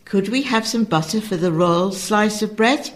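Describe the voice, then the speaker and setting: A man voicing a mild, soothing queen who talks in a soft, coaxing way. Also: high voice, moderate pace, voice pushed up, natural voice.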